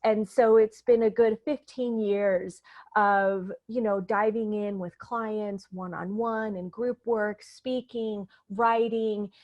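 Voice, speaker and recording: A woman's voice: mid-range voice, fairly even intonation, takes it slowly, muffled recording. A woman from Puerto Rico, a coach and speaker, telling her story in an earnest, reflective way during a stage interview. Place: convention expo venue.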